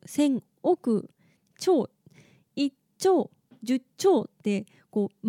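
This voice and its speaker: A woman's voice: a little high, mellow, dry recording, clean studio sound. A woman hosting a casual solo podcast, chatting and explaining things step by step with a slight lilt. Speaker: podcast host.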